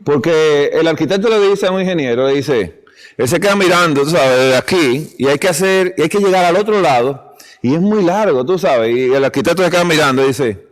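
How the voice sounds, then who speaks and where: A man's voice: a little high, expressive, brisk. Guy preaching in a church hall, chuckles a lot, acts out little quotes, big echo. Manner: storytelling with acted quotes and chuckles. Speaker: preacher giving a health seminar. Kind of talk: sermon-style seminar talk. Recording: long hall reverb.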